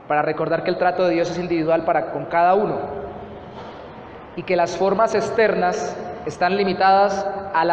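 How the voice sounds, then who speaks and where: A Colombian pastor with a Colombian Spanish accent preaches a sermon in a church hall, earnest and repeating phrases for emphasis. His voice is a little high, with slight background noise, and the recording sounds echoey and slightly dull.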